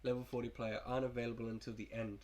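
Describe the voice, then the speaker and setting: A young male gaming YouTuber with a cold, coughing, rambles casually through his video game team. His mid-range voice is flat, rapid-fire and a bit dark, with slight background noise.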